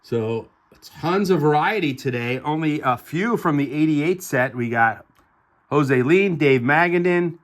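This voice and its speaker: A man's voice: a little high, lively intonation, measured pace. A middle-aged man vlogging as a collector, narrating in a casual, upbeat show-and-tell way with chatty asides.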